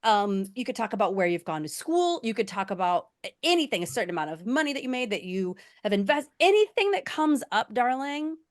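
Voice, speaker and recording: A woman's voice: a little high, big pitch swings, a little fast, few pauses. A woman hosting a podcast interview, talking in an encouraging, coaxing and emphatic way. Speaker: podcast host. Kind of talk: interview chat.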